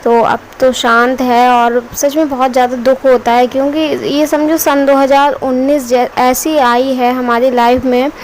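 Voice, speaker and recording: A young woman with a high voice narrates her daily vlog, talking straight to her viewers. She sounds worried and a little weary as she explains what is going on. Steady background noise runs under her voice. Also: measured pace, few pauses. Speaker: vlogger. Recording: noisy background.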